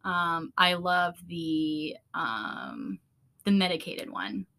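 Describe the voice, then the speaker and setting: Bright-voiced chatty woman. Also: lowish voice, animated, very slow, gravelly. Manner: chatty, giggly, many fillers, swears casually. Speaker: podcast co-host, esthetician. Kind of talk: casual chat.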